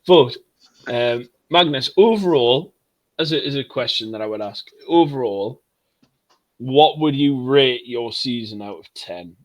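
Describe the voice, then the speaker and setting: A man's voice: mid-range voice, animated, a little slow, rough recording. A young man co-hosting a podcast, rambling and teasing his friends in casual chat. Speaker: podcast co-host.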